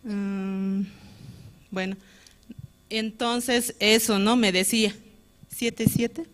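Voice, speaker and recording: A woman's voice: mid-range voice, steady tone, drawn-out words. A woman with a Bolivian Spanish accent gives a personal church testimony, retelling frankly and earnestly and tagging nearly every phrase with a questioning "¿no?". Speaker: church member giving testimony.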